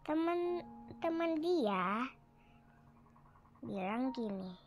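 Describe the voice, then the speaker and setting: A woman telling a sad family story off the cuff, halting and restarting, acting out the family's lines. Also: high voice, big pitch swings, a little hiss or hum. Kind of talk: improvised spoken story.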